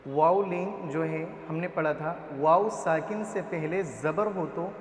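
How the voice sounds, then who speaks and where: A man teaching a reading lesson at a board, patient, sounding out letters slowly and often checking understanding. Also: on the high side, slight background noise. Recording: echoey room with long reverb.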